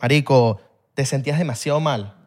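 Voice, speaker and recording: A man hosting a podcast, explaining things in a loose, rambling way and peppering his speech with slang. His voice sits at an ordinary male pitch, relaxed and conversational. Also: normal speed. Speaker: podcast host. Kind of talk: casual chat.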